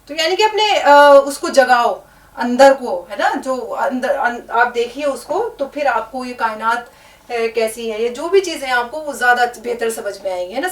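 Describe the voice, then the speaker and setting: A woman teaching a language lesson, explaining word meanings and spelling out letters slowly, often checking in with the learner. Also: on the high side. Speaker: Urdu teacher. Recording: echoey room, mic at a distance.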